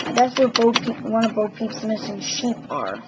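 A woman's voice: on the high side, sing-song, moderate pace, very noisy. A young woman giving rambling, casual commentary while playing a video game, wandering into chatty asides. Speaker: gamer. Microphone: camera filming a TV screen. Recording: dull lo-fi home video with game music. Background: game music.

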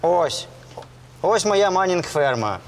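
An awkward crypto miner in a comedy sketch, stammering through technical explanations. His voice sits a little high. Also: very animated, slow, vocal fry, full character voice. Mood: explaining.

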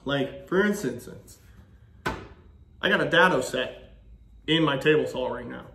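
A man's voice: medium pitch, slow, creaky, a bit bright, slight background noise. A man in his thirties giving practical shop tips in a casual how-to style, with joking asides. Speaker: woodworking channel host. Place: home woodworking shop, indoors. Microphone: camera-mounted, filmed at arm's length and from a tripod. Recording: echoey shop room.

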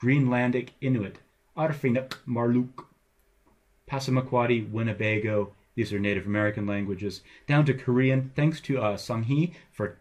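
Playful man lecturing, husky voice. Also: medium pitch, moderate pace, hardly any pauses. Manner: playful, lively, animated delivery of word lists. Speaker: teacher. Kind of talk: recorded video lecture.

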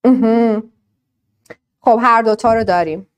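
A woman teaching an online English class, explaining pronunciation to students in a lively way and asking them questions. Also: fairly high pitch, clear, resonant tone.

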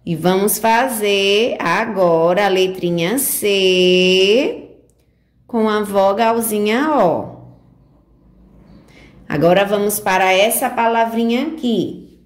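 A woman teaching a remote handwriting lesson to preschool children, guiding each letter stroke in a slow, sing-song teacher voice full of diminutives. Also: mid-range voice. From Brazil.

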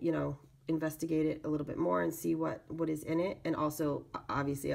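Low, creaky-voiced woman with a cold. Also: mellow. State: congested from a lingering cold. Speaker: video channel host. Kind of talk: casual product unboxing narration.

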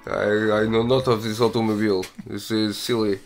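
A man's voice: fairly low pitch, flat delivery, normal speed, vocal fry. A young man with a dry, swearing manner, co-hosting a game let's play. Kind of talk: casual gaming banter. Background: game music.

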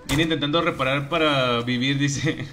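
A man streaming a game, casually teasing his teammates and bursting into excited yells. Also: mid-range voice, normal speed, a little hiss or hum. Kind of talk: casual live-stream commentary.

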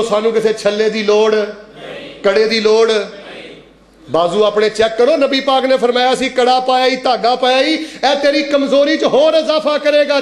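A man with a high, ringing voice delivers a sermon. His pitch swings widely as he exhorts the crowd and drops into chanted couplets. The sound rings with room echo. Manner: preaching with sweeping pitch, calls the crowd to repeat aloud, chants verses. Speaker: preacher. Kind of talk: Friday sermon to a congregation.

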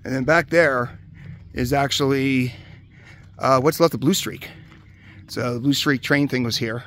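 In an easygoing walk-around through a closed amusement park, a man from the Hershey area chats into a handheld camera and points out rides, often saying "uh" and "um." He speaks a little slowly in a mid-range voice, with slight hiss or hum in the background.

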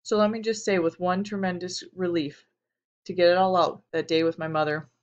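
Female audiobook narrator, calm and even, lower voice, muffled lo-fi recording. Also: fairly quick. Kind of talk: scripted narration.

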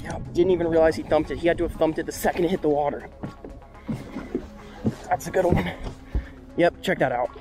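This young male vlogger fishes from a little open flats boat, narrating cheerfully to an action camera fixed on board while he works the line. His highish voice moves fairly quickly with frequent pauses, over music plus outdoor wind and boat noise.

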